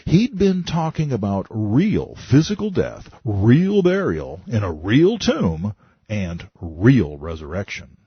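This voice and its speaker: Husky, expressive male narrator. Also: on the low side, takes it slowly, dry recording, highs cut off. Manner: wry, conversational, with rhetorical questions. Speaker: audiobook narrator.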